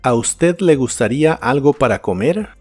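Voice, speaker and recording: A man teaching English to Spanish speakers in a scripted lesson, pronouncing each word slowly and carefully. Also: mid-range voice, expressive, darkish tone, husky, soft background music. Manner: slow, careful model pronunciation of English words.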